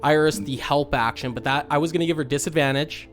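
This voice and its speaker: A man's voice: on the high side, fast talker, soft background music. A man running a tabletop game as game master, talking casually and hesitantly, with many fillers and restarts as he describes scenes.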